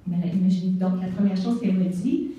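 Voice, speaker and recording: A Québécois woman in her forties gives a spoken testimony at an event, chatty and full of fillers. Her voice is dark and mellow. It comes from some way off the mic and echoes heavily around the hall. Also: lowish voice, quick pace, recorded from a distance, dull audio. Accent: Québécois French. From Canada. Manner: warm, conversational storytelling with fillers. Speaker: guest speaker. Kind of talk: personal testimony speech.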